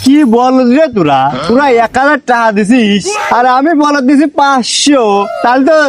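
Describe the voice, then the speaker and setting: A man's voice: very high-pitched, moderate pace, crowd noise. A man playing a cheated villager in a comic drama, scolding and mocking the others. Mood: exasperated. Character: exasperated male villager, loud and mocking.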